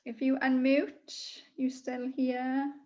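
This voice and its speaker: High-voiced woman hosting an online event. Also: little pitch movement, takes it slowly, a little mellow. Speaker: host of an online school event. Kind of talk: hosting a video call, prompting participants. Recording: dull video-call audio.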